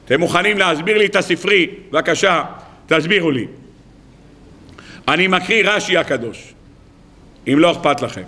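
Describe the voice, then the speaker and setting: A male rabbi preaches with a high, ringing voice, firing rhetorical question after question at his listeners. He slips into quoted speech with a raised voice as he drives his points home. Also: long pauses. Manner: animated, fires rhetorical questions at the audience. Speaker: rabbi giving a weekly sermon. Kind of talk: sermon.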